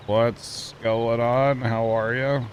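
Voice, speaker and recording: Taking it slowly in a mid-range voice, a man livestreams a farming game over a headset mic, amid slight background noise. He greets his chat casually and keeps things relaxed and conversational.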